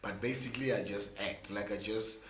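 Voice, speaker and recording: Young male, South African accent. Hoarse, lowish voice, emphatic casual talk, roomy sound with faint noise. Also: fairly quick. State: hoarse from gigs the day before. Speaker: interview guest, content creator and musician. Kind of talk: casual interview chat. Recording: echoey room with faint background noise.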